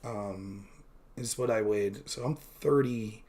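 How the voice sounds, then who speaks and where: A man in his thirties rambles candidly on his solo stream, using lots of fillers and poking fun at himself. His voice is low, slow and mellow.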